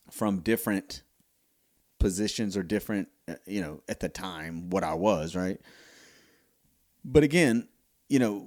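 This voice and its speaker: Middle-aged male podcast host, low voice, loose rambling delivery full of restarts. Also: darkish tone. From United States. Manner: rambling, many fillers and restarts. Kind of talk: casual solo commentary.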